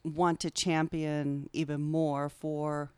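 A middle-aged social worker appears as a guest on a conversational podcast interview, speaking candidly and informally and swearing casually. Her low voice is level, slow and a little mellow, and it sounds smooth with no room sound.

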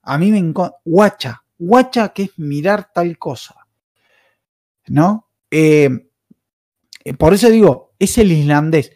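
A man's voice: a little high, expressive, takes it slowly, a little mellow, no room sound. Passionate Argentine man, dry close sound. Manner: passionate, opinionated, digressive. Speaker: podcast host. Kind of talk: casual podcast chat.

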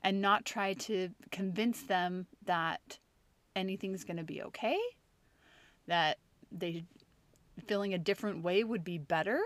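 A woman in her thirties co-hosting a casual podcast, speaking earnestly and getting animated when she acts out quotes. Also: medium pitch, unhurried, dry recording. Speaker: podcast co-host.

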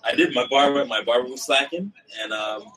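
Male podcast co-host, bright voice, slightly distant mic, casual banter. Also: medium pitch, brisk. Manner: joking, teasing, repeats words. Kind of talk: casual chat.

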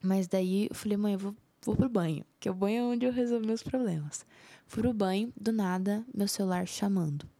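A young woman with a Brazilian Portuguese accent telling a personal story in a casual vlog, animated and dropping into whispers for emphasis. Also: mid-range voice, normal speed, no echo. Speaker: vlogger.

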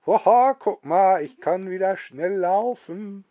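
A man's voice: high-pitched, takes it slowly, no room sound, muffled recording, voice pushed up. Man doing a gleeful old granny. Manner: gleeful and chuckling. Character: cheerful old granny suddenly fast again.

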